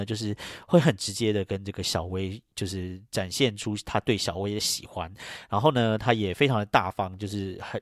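Fast-talking low-voiced man recapping a film. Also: dry recording, studio quality. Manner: rambling, ends sentences with filler phrases; acts out characters' lines with jumps in pitch. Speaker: podcast host.

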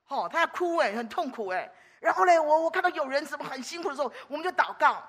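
A woman preacher, giving a sermon with animated storytelling and exclamations. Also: high-pitched, fast talker.

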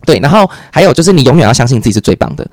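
A man with a Taiwanese Mandarin accent chatting on a podcast, telling stories quickly and animatedly, acting out the people he quotes. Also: mid-range voice, no echo. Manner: rapid, animated storytelling with playful quoted voices. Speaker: podcast guest. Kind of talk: casual podcast chat.

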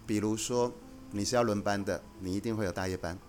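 A man who is a guest executive on a podcast, explaining his company's approach in a measured, earnest way. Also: fairly low pitch, steady tone, a little mellow, slight background noise. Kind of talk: casual podcast conversation.

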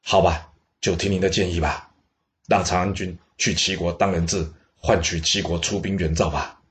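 A man voicing a stubborn, sharp-tongued old queen dowager in a blunt, petulant way. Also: low-pitched, steady tone, moderate pace, natural voice. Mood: grumbling.

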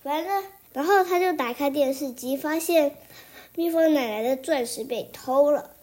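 A woman's voice: sits high, normal speed, darkish tone. A young child, likely a girl, narrating an improvised story in a rambling way, restarting sentences and repeating phrases in a singsong. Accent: Taiwanese Mandarin.

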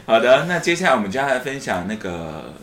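A man's voice: mid-range voice, sing-song, fast talker, a crowd in the background. A man from Taipei with a Taiwanese Mandarin accent, hosting a casual podcast chat and laughing often. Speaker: podcast host.

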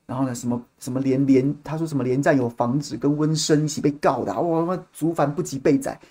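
A man hosting a podcast, telling a story in an animated, casual way and repeating words as he goes. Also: medium pitch, quick pace. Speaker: podcast host.

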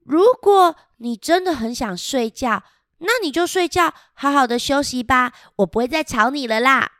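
A woman's voice: high voice, moderate pace, a bit bright, no echo, clean studio sound, voice pushed up. A woman voicing a brave, clever young princess in a children's storybook reading, speaking sweetly and coaxingly. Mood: soothing.

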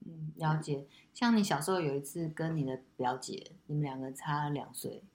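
A woman hosting a casual chat with her daughter, telling family stories in a lively way with many restarts. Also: deep voice, moderate pace. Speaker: podcast host and mother.

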